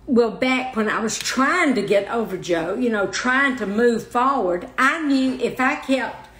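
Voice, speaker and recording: Older woman, soft and halting, roomy. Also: on the high side, animated. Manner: soft, halting, with many restarts and fillers. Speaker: guest, mother of the host. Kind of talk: emotional personal interview. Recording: roomy echo.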